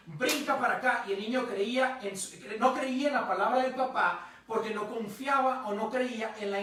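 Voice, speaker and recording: Brief: man, lay preacher, lively storyteller, high voice, recorded far off in an echoey space. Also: a little hiss or hum. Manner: animated storyteller, acts out father and child, calls listeners carnal. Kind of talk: storytelling sermon. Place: live-streamed show. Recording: echoey, distant from the mic.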